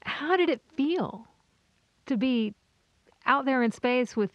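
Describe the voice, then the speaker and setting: A woman's voice: high voice, animated, slow pace. A woman radio interviewer asking questions in a hesitant, rephrasing way. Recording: dull, dry radio link.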